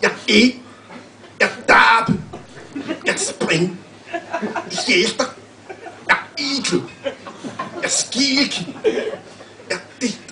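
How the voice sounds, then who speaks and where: A loud, high mock-Danish poet barks out short lines, half laughing, as a man puts the accent on. His voice rings through a roomy hall from a distant mic, over a faint hum. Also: expressive, takes it slowly, pauses often, heavily acted. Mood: declaiming. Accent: imaginary Danish. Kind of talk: performed poetry reading.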